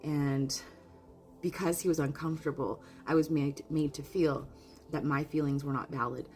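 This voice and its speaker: A woman's voice: low-pitched, steady tone, normal speed, darkish tone, soft background music. A woman giving a casual spoken oracle card reading, earnest and openly emotional, often restarting her sentences. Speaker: spiritual card reader.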